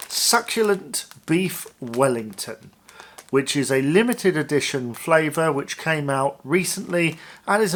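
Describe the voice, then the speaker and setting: A man's voice: on the high side, fairly bright tone, slight background noise. A man hosting a casual taste-test review to viewers, thinking aloud in a tentative, musing way. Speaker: food review vlog host.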